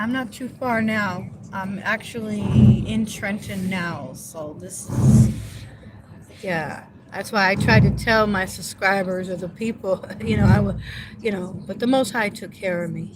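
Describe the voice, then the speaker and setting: Talking to her livestream audience while riding in a moving car, this New Jersey woman is relaxed and thankful, wandering from point to point with lots of filler words. She speaks a little slowly at medium pitch over heavy vehicle road noise.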